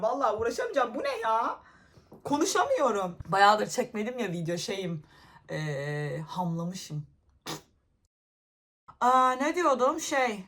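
A woman's voice: fairly high pitch, fairly bright tone. A young woman chatting casually into her phone camera in a giggly, scattered way. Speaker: reaction vlogger. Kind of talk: casual reaction chat.

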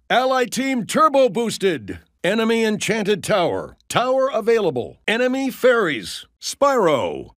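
A man's voice: high voice, fairly bright tone, dry recording, heavily acted. Over the top cartoon game arena announcer, bombastic, takes his time on each call, super dry close sound. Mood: excited announcing. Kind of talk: arena announcer calls in short punchy lines.

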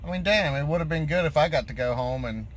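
A man's voice: fairly high pitch, animated, fast, slight background noise. A man in his thirties, an owner-operator truck driver, rambling in a frustrated casual vlog rant from inside his parked truck cab, filmed on a phone held at arm's length. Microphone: phone camera at arm's length.

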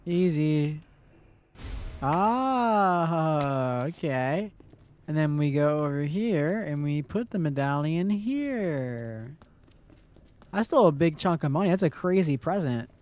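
Animated, easily startled male horror game streamer. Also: fairly high pitch, slow pace, clear, resonant tone. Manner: easily startled, scared reactions; sweary, blunt. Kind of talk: casual horror game commentary.

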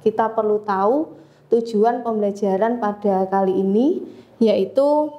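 A woman teaching a physics lesson, explaining step by step with frequent pauses and fillers. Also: medium pitch, lo-fi sound. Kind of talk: classroom lecture.

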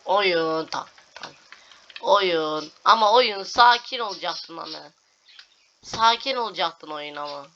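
Young man, gameplay commentary, slightly high voice, muffled lo-fi recording, clear background hiss. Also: slow, long pauses, pushed and bright. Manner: talks to viewers, narrates each move, swears at glitches. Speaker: gaming video host. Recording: dull lo-fi home recording with clear noise.

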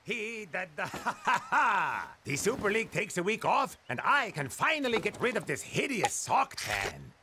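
A man's voice: high-pitched, very animated, normal speed, hardly any pauses, heavy background noise. A man voicing a vain, flamboyant cartoon soccer star with a pompous, self-admiring manner. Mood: smug. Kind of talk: cartoon voice acting.

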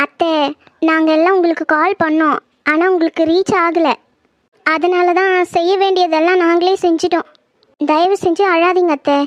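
A woman voicing a young daughter-in-law who patiently calms her grieving elders in a dramatized horror story. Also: extremely high pitch, normal speed, no room sound, muffled recording. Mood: soothing. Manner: soothing, reassuring.

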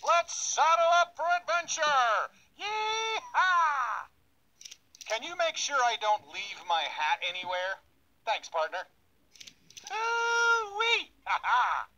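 A man's voice: extremely high pitch, big pitch swings, slow pace, bright, forceful tone, highs cut off, exaggerated voice. A man voicing a cheerful cowboy toy sheriff, talking in a folksy drawl and whooping, heard through a toy's built-in speaker. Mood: cheery. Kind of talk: pull-string toy voice lines.

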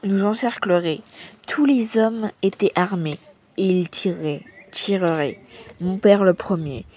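A woman reading a children's book aloud, sometimes stumbling over words and correcting herself, and raising her voice for shouted lines. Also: mid-range voice, a little slow. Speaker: reader.

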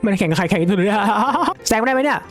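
An excitable young man talks through a video game in a loose, casual way, full of exclamations and jokes. Faint game music plays quietly underneath his voice. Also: high voice, rapid-fire. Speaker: gaming video creator.

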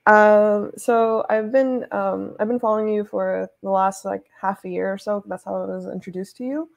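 A young woman from Bangladesh calls in through an earphone mic and works her way hesitantly through a question, full of "um" and "like." Her voice is flat and gravelly, with a creaky edge. The video call audio sounds dull and lo-fi. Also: medium pitch, moderate pace. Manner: hesitant, many fillers like "um" and "like". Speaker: caller asking a question.

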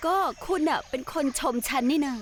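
A woman dubbing a sharp-witted, outspoken young woman who answers back with cutting remarks, in a Thai dub of a TV drama. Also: brisk, a little hiss or hum, lightly acted. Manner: cutting, defiant.

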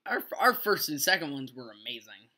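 A man's voice: on the high side, big pitch swings, brisk, pushed and bright. A young man co-hosting a casual podcast with his mother, joking and rambling as he talks. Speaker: podcast co-host, son. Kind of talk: casual chat.

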